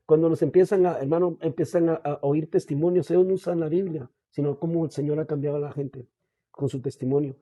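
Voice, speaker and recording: A man who is a pastor, with a Guatemalan Spanish accent, tells his faith testimony in an earnest, halting way and keeps calling the listener "hermano". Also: a little high, fairly even intonation, mellow, dry recording. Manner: halting, with many restarts and fillers. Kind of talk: personal faith testimony in a podcast interview.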